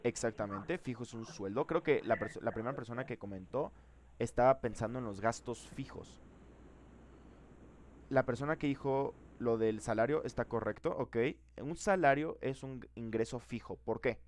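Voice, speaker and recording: A man's voice: medium pitch, normal speed, a little mellow. A man teaching a live programming class, thinking aloud and asking the students questions.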